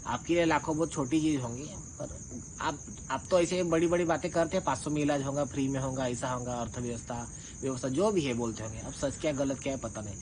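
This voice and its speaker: Speaking fairly quickly, a man with a medium-pitched, darkish voice offers a colloquial rebuttal that's confrontational and full of accusation, much like airing a grievance. The rough recording carries clear background noise of insect-like chirping.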